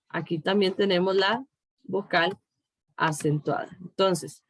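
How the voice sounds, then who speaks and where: A woman's voice: medium pitch, no echo. A middle-aged woman teacher with a Costa Rican Spanish accent, patiently explaining step by step in a recorded tutorial. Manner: slow, patient, explaining step by step with checks like "¿de acuerdo?".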